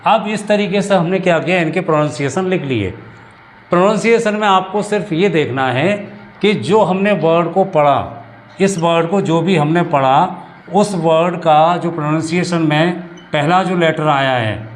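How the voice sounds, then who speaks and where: A man gives a patient grammar lesson, circling back over each point and repeating it. His voice sits a little high for a man. A faint hiss of noise runs under the recording. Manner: explains slowly with many repetitions and restarts. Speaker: English teacher. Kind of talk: classroom-style grammar lesson.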